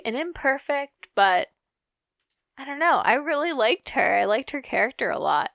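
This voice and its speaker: A woman's voice: sits high, animated, normal speed, creaky, fairly bright tone, no room sound, clean studio sound. A woman in her thirties co-hosting a podcast, chatting casually and rambling with fillers. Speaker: podcast co-host. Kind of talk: casual chat.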